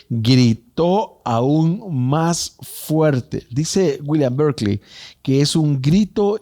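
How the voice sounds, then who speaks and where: Slow, dark-voiced preaching pastor. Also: male voice, mid-range voice. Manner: repetitive and emphatic, swinging between loud cries and hushed lines. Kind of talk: sermon.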